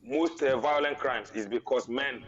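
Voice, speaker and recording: A man's voice: mid-range voice, moderate pace, fairly bright tone. A man calling into a heated podcast debate from a remote setup. His voice echoes back from a second device. He argues hard and stumbles over repeated words. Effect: echo from a second device. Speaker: remote panel guest. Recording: dull lo-fi call audio with echo.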